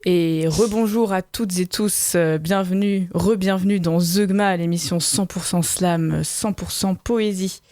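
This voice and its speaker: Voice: medium pitch, steady tone, a little slow, few pauses, a little mellow, no echo. Dry, close radio host announcing. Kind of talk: radio show hosting. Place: radio studio.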